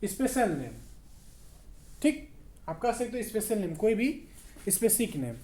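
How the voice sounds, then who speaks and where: A man teaching English in Hindi, explaining slowly and often checking that students understand. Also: high-pitched, big pitch swings, darkish tone. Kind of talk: spoken English lesson in Hindi.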